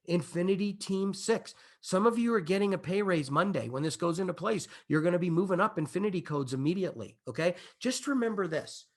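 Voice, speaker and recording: Excitable high-voiced man with gravelly fry. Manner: excitable and emphatic, building hype; repeats "okay?" and "imagine this" to the audience. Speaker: company presenter. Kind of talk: business opportunity presentation.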